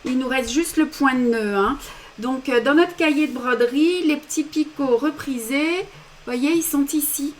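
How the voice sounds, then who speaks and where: During a live demonstration, an embroidery teacher with a French accent gives step-by-step instructions, adding small self-deprecating asides. Her voice is high-pitched and her speed normal, with a little hiss or hum in the recording.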